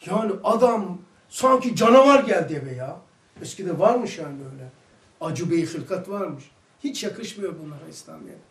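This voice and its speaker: A man's voice: high-pitched, moderate pace. Turkish man teaching in an echoey hall. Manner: animated, acts out quoted voices, rhetorical questions. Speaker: religious teacher. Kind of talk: informal religious lesson. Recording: echoey room, mic some distance away.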